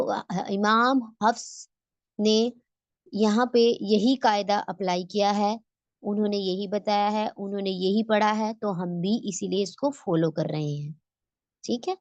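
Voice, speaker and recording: A woman's voice: mid-range voice, a little mellow, no echo, dull audio. A woman teaching tajweed online in a patient, explanatory way, posing questions and answering them herself. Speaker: Quran recitation teacher.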